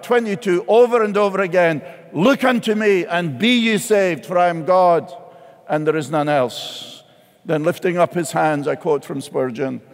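Brief: male pastor, fairly high voice, impassioned sermon delivery, long hall reverb. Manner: impassioned, repeats key phrases. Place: large church sanctuary.

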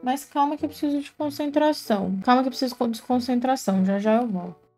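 A young woman talks casually and slangily to her viewers as she does her makeup. Her voice sits a little on the high side. Faint music plays softly behind her. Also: fast. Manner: chatty, slangy, self-mocking asides to viewers. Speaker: cosplay vlogger. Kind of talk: casual storytelling while doing makeup.

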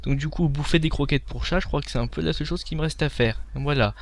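Young French male game reviewer, casual and animated play-by-play, taunts the enemies. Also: fairly high pitch, fast talker. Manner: animated, swears and taunts enemies while playing. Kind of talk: casual gameplay commentary.

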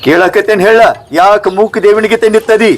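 Proud village landlord played by a man, North Karnataka accent, commanding, somewhat high voice. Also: fairly even intonation, fairly quick, soft background music, close to an everyday voice. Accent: North Karnataka Kannada. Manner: commanding, scolding. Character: rich proud village landlord, later remorseful. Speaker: lead actor. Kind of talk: village skit acting.

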